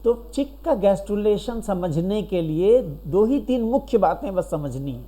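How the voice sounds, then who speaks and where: A man's voice: high-pitched, animated, normal speed, warm tone. A man giving a biology lecture who explains step by step, asks questions and answers them himself, and keeps checking in with his students. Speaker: biology teacher. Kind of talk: recorded classroom lecture.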